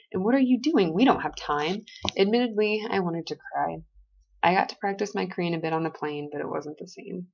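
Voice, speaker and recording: Chatty low-voiced woman, gravelly tone. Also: lo-fi sound. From United States. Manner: chatty, playful, with asides. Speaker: vlogger. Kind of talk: casual travel diary narration.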